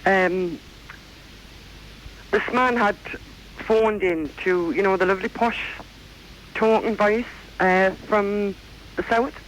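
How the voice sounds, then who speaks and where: A woman's voice: medium pitch, slow, long pauses, a little hiss or hum, low-quality recording. Rambling woman caller. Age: around 50. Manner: rambling and hesitant, many fillers. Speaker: radio caller. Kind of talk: radio phone-in chat.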